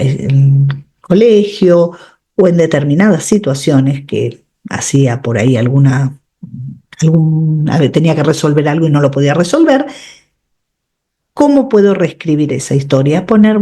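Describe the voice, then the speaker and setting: A woman's voice: a bass voice, mellow. A middle-aged woman, a radio host and coach giving reflective step-by-step advice, often checking in with tag questions. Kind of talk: advice talk on personal growth.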